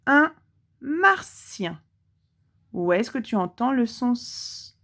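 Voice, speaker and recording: A woman teaching a lesson for young children with a French accent, speaking clearly and pausing to let the child answer. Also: fairly high pitch, expressive. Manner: slow, clearly articulated, pauses for the child to answer. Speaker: primary school teacher.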